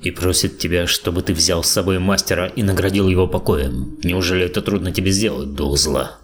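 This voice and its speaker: A man's voice: sits low, fairly even intonation, a little fast, over music, natural voice. A man voicing a stern, devoted male disciple in an audiobook, grave and resentful. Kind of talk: audiobook character voice.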